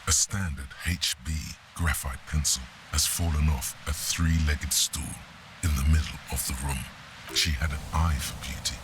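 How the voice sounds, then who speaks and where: A man's voice: rumbling low, moderate pace, noisy background. A man narrating a video game in a solemn, descriptive, scripted style. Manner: solemn, descriptive, evenly paced. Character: grave, detached male game narrator.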